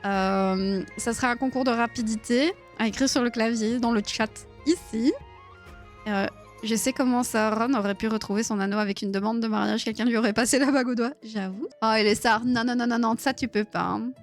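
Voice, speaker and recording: Giggly woman in her thirties, slightly high voice. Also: steady tone, a little fast, soft background music. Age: 30s. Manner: giggly and playful, chatting with viewers. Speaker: streamer running a live quiz. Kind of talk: casual live-stream chat.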